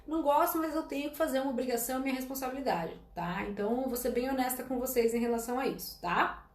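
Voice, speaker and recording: A woman's voice: high-pitched, quick pace, roomy sound. A woman in her late twenties, an English teacher and former flight attendant from Brazil, giving blunt career advice in a live-stream Q&A and constantly checking in with her audience. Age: late 20s. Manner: direct, emphatic, frequently checks in with "tá?" and "gente".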